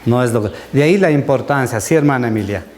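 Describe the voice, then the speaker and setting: A man's voice: mid-range voice, animated, quick pace, darkish tone, slight background noise. Man pastor teaching a sermon. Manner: conversational, answers congregation questions.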